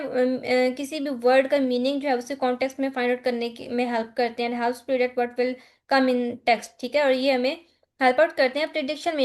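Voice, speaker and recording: A Pakistani woman with a high voice gives an exam-focused lesson. She reads each point from the slide, explains it again in her own words, and keeps checking that the students are following. Her delivery is steady and practical, like a tutor going through a course. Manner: mixes Hindi-Urdu with English terms, reads slide points then explains them; frequent "theek hai" check-ins.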